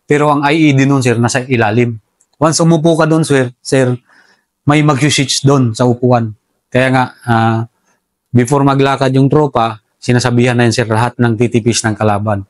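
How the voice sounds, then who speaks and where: A soldier telling how the enemy operated, in a relaxed interview, respectfully calling his listener sir throughout. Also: medium pitch, moderate pace, no room sound. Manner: respectful, says "sir" constantly. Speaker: soldier recounting enemy tactics. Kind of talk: casual interview storytelling.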